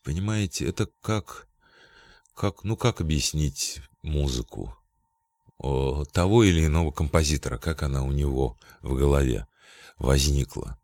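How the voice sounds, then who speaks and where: A Belarusian voice-over announcer with a very deep voice answers interview questions with care, pausing as he searches for the right words. The recording has no echo.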